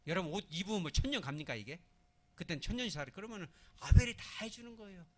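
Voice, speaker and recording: A male pastor gives a midweek sermon in an animated, conversational style, his pitch rising and falling widely at a quick pace. He keeps putting questions to the congregation and answering them, acts out little scenes in other voices, and swings from loud emphasis to soft, hushed phrases. His voice is a little higher than most men's.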